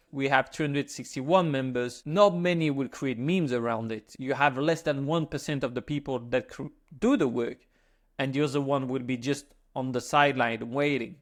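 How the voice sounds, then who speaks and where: A man from France with a French accent, talking to camera in a casual, joking monologue with self-mocking asides. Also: mid-range voice. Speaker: finance YouTuber.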